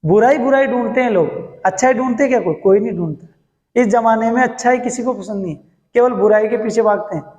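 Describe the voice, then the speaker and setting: High-pitched male teacher, reverberant room; chants verse slowly, quizzes the class, answers himself. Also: darkish tone, muffled recording. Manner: recites verse lines slowly, then explains in quick bursts; quizzes students with questions, then answers himself. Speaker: Hindi teacher. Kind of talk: classroom lesson on poetic meter. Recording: echoey hall.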